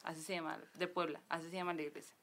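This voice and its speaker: Mexican woman, co-host, bright voice, lively and slangy as she retells a story. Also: sits low. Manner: lively, slangy, quick asides. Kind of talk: casual storytelling.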